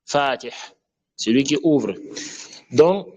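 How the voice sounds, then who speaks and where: A man's voice: mid-range voice, normal speed, dull audio. A man teaching an online Arabic lesson, patiently repeating letter sounds and checking that students follow.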